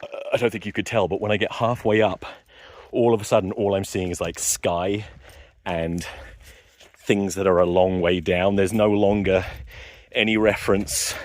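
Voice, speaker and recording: A man's voice: low voice, flat delivery, normal speed, dry recording. A man vlogging outdoors on a cliffside staircase into his phone, rambling and swearing in nervous self-talk, growling and worked up. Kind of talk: casual self-filmed vlog. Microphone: phone camera, sometimes in his pocket.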